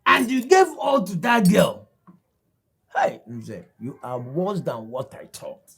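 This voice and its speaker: A man's voice: mid-range voice, lively intonation, takes it slowly, a little mellow, slightly rough. An actor playing a friend with a Nigerian accent who scolds a man harshly for giving his money away. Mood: scolding. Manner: scolding, exclaiming.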